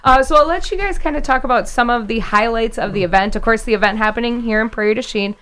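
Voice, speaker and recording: A woman's voice: fairly high pitch, quick pace, a bit bright, smooth. A woman hosting a casual local interview and handing the talk to her guests. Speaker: radio talk show host.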